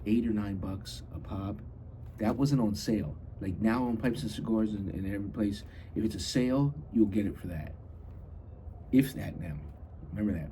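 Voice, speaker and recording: A man's voice: fairly low pitch, dark tone, slight background noise. A man chatting casually and rambling as a hobby vlogger, blunt and grumbling, with some mild swearing.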